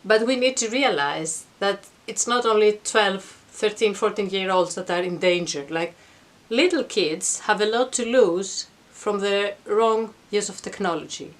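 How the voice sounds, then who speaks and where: A woman's voice: mid-range voice, measured pace, hardly any pauses. A middle-aged woman giving an informal explanatory talk to camera in a reflective, earnest, conversational manner. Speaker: vlogger. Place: attic at home.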